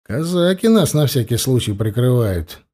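Reader as officer: steady, dry humor, mellow. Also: male voice, mid-range voice, moderate pace. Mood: calm. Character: lieutenant colonel, family man, calm and wry.

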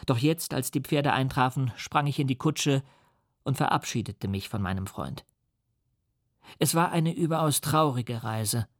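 A man narrating a classic novel in a measured, earnest and solemn reading. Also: mid-range voice, dry recording, studio quality. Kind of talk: dramatic literary reading.

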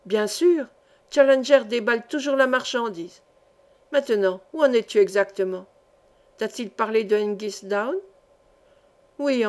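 A woman's voice: fairly high pitch, close to an everyday voice. A woman reading the part of a cheerful, enthusiastic male journalist who speaks eagerly and admiringly.

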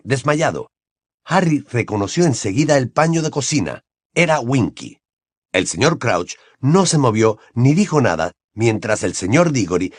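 A man narrating an audiobook with an expressive storytelling cadence. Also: medium pitch, dry recording, studio quality.

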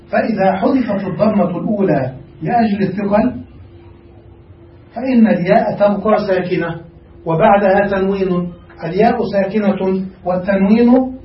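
A man's voice: high voice, a little hiss or hum. A male grammar teacher giving a classical lesson, quizzing his students with frequent check questions. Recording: echoey room, far from mic, dull.

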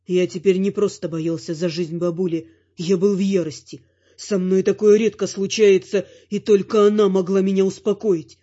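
A man reading a first-person audiobook with lively, emotional storytelling. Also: high voice, normal speed, highs cut off. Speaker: audiobook narrator.

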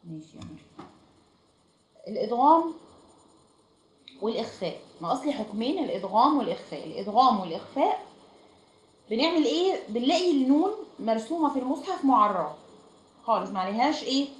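A woman's voice: a little high, big pitch swings, quick pace, pauses often. A woman with an Egyptian accent teaching a recitation lesson over online voice chat, explaining step by step and often checking with her students. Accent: Egyptian Arabic. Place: room at home. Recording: echoey room, faint noise.

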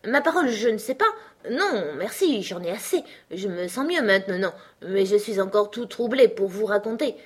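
A woman's voice: medium pitch, expressive, breathy edge. A woman doing a flustered little lizard guy. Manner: fast, fluttery. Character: small male lizard, shaken and flustered.

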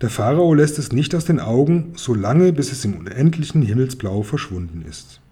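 A man reading a children's audiobook as narrator, telling the story in a lively way. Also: mid-range voice, moderate pace, breathy edge.

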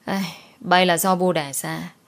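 A woman voicing a vain, sharp-tongued rich mistress who scolds and mocks. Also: fairly low pitch, fairly even intonation, slow. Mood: sour. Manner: scolding, sour and mocking.

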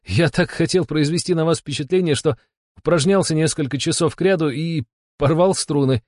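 A man's voice: on the high side, moderate pace, a little mellow, dry recording, studio quality, voice pushed up, lightly acted. A man playing an awkward young monster hunter, apologizing sheepishly. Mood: apologetic.

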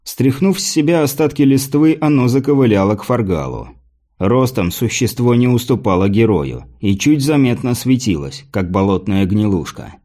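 A man narrating a fantasy audiobook in a measured, even storytelling manner. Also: medium pitch.

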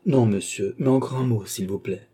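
A man voices a proud, ragged young man in an audiobook. He speaks earnestly, pleading but determined, in a low, husky and mellow tone. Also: moderate pace. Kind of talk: audiobook reading.

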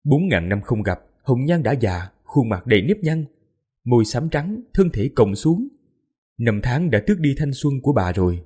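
A man's voice: mid-range voice, sing-song, normal speed, dark tone, slightly rough. A man reading a fantasy novel aloud in a dramatic, mournful narration style. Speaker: audiobook narrator. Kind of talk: scripted narration.

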